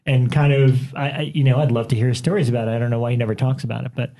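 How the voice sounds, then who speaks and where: A man co-hosting a podcast, chiming in with quick remarks and musing asides in casual chat. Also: medium pitch, fairly even intonation, mellow. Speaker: podcast co-host.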